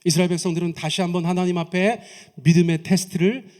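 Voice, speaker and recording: A man preaching a sermon as pastor, who leads his congregation in reading aloud, asks them questions, and swings between raised emphasis and soft low asides. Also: fairly even intonation, fast.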